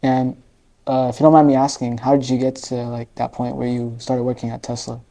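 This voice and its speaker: Fast-talking casual male host. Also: mid-range voice, little pitch movement, vocal fry, mellow, rough recording. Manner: casual, curious, heavy use of filler "like". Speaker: interview host. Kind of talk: casual interview chat.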